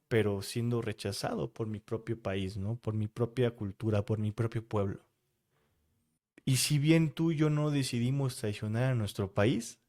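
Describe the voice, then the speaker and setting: A man's voice: medium pitch, a little mellow. A man with a Mexican Spanish accent gives a devotional sermon in a mid-range voice. He talks straight to the listener and keeps asking them rhetorical questions. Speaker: preacher.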